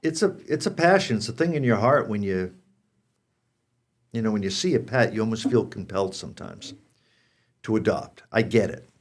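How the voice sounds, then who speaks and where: Talking directly and frankly to the audience, a sixty-something American pet show host keeps things conversational. He has a fairly low, animated voice, a moderate pace, and takes long pauses.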